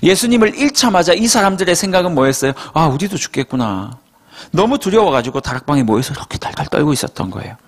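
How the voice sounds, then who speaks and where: A male pastor preaching a sermon as lively storytelling full of rhetorical questions. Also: sits high, rapid-fire, hardly any pauses.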